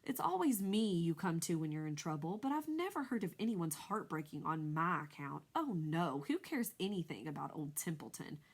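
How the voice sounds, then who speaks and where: A woman's voice: lowish voice, sing-song, moderate pace, few pauses. A woman voicing a grumpy, lazy, sarcastic male rat in a storybook reading, with a sneering, mocking tone. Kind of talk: storybook read-aloud.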